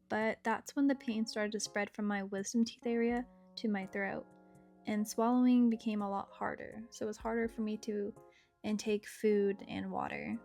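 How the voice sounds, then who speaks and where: A woman's voice: on the high side, darkish tone. A young adult woman telling a personal story in a casual, chatty, conversational way. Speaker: storyteller narrating own experience. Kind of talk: casual story time narration. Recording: guitar music behind the voice. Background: guitar music.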